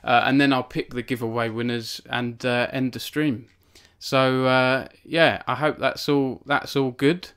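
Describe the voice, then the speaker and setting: A man's voice: mid-range voice, steady tone, a little slow, few pauses, fairly bright tone, clean tone. A young man hosting a casual live stream from his home cabin, rambling with many fillers and self-deprecating asides. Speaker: author hosting a book launch stream.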